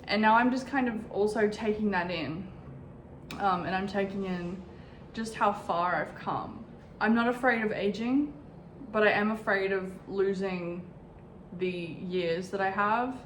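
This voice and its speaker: A woman in her twenties speaks slowly and thoughtfully, taking her time in a candid, reflective personal vlog. Her pitch sits in the middle range, neither high nor low. Faint room ambience hums behind her at home. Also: roomy sound, a little hiss or hum. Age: 20s. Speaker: vlogger. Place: bedroom in her new home.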